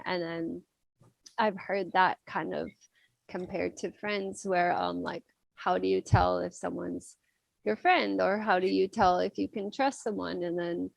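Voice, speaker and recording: Chatting loosely on a podcast where she's a guest and club member, a young woman meanders and jokes around, dropping fillers and putting on small voices. She speaks fairly low with vocal fry, recorded dry.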